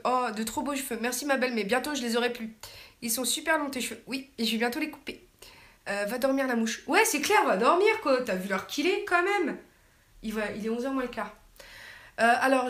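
A woman with a fairly bright, higher-pitched voice chats on a live stream from home at night, reading comments during a casual Q&A as a YouTuber. Her manner is talkative and hesitant, full of fillers, and warm toward her audience.

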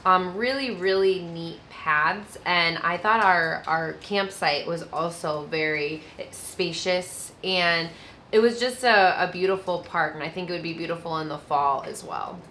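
Woman, thirties, travel vlogger, friendly casual chat, lowish voice, outdoors, faint background ambience. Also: measured pace, a little hiss or hum. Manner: relaxed, friendly, with easy laughs. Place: outdoors beside a camper trailer.

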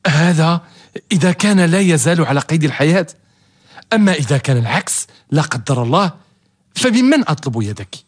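An actor playing a cunning, devoted servant and eager suitor in a radio drama, theatrical and expressive. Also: male voice, on the high side, a little fast, pauses often, slightly rough. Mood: wooing. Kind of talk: radio drama acting in formal Arabic.

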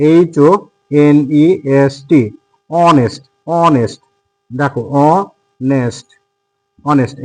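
A man teaching English spelling and silent letters, repeating each word slowly and spelling it out letter by letter, with frequent hesitations. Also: fairly high pitch, darkish tone, low-quality recording. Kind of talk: spelling and pronunciation lesson.

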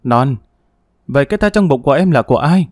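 A man's voice: medium pitch, expressive, brisk, no room sound, studio quality, lightly acted. A man voicing an angry young older brother who speaks curtly and demands answers. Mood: demanding.

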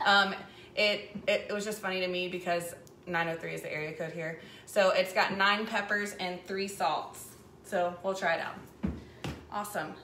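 A woman's voice: on the low side, fairly even intonation, normal speed, pushed and bright. Chatty woman cooking at home. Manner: chatty and rambling while busy cooking. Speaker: cooking show host. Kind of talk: live cooking demonstration. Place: home kitchen, indoors. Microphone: camera mic at a distance across the counter. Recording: echoey kitchen with background noise.

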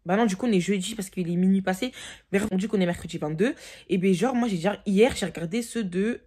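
A woman's voice: mid-range voice, fast talker, mellow, breathy edge. A young woman chatting to her phone camera in a rambling vlog, full of fillers. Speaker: vlogger. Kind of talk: casual chat to camera. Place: at home, late at night.

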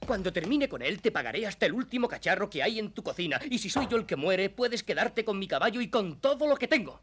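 A man's voice: high voice, big pitch swings, fast, noisy background. An actor voicing a hot-headed young male dog musketeer in a dubbed cartoon, bold and challenging. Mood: defiant.

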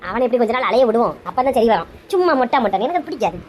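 A woman's voice: fairly high pitch, very animated, rapid-fire, darkish tone, a little hiss or hum. A woman playing a brash, melodramatic middle-aged mother in a comedy skit, bossy and scolding, with a Kanyakumari Tamil accent.

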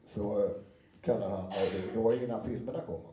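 A man with a very dark, mellow, fairly low voice talks to a live audience about reading books aloud. He is chatty, with many fillers and restarts. He sounds distant from the mic, in a roomy, echoing hall. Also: fairly even intonation, a little hiss or hum. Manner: conversational, many fillers and restarts, briefly acts out quotes. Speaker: audiobook narrator giving a talk. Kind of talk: anecdotal talk to an audience. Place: lecture room with an audience.

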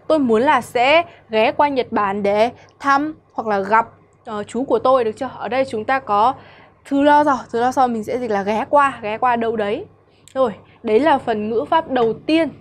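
A young Vietnamese woman teaching Korean grammar, explaining patiently and checking often that students follow. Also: on the high side. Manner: explains patiently, often asks "được chưa?". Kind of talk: grammar lesson.

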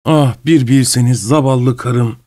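A man voicing an excitable, fawning middle-aged husband who talks with ingratiating emotion, in an audiobook. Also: medium pitch, unhurried, natural voice. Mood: excited, fawning.

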